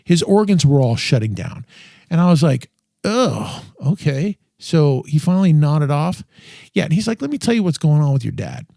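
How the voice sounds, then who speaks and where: Middle-aged male host, higher register, storytelling, weary, halting, dry close sound. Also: very animated, vocal fry, dry recording. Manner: rambling, restarts often, quiet and tired. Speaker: podcast host. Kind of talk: personal storytelling.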